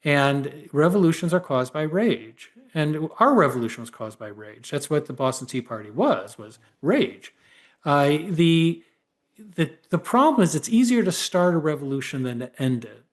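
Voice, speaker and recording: A male professor appears as an interview guest. He stumbles and restarts at first, then moves into an explanatory, lecturing flow. His voice sits a touch high. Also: expressive, normal speed. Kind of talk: interview answers.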